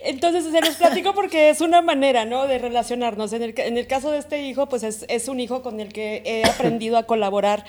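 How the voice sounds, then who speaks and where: Lively middle-aged woman storyteller. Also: a little high, quick pace, hardly any pauses. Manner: lively storyteller, laughs at her own jokes. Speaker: co-host, psychotherapist. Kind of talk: casual anecdote telling.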